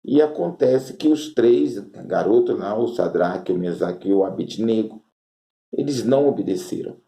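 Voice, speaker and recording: A Brazilian man preaching in a very dark, mellow voice, unhurried and emphatic. He lays out his points slowly, piling up repeated phrases one after another. The recording carries a roomy echo. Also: medium pitch. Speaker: apostle and preacher. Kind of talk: preaching commentary on current events.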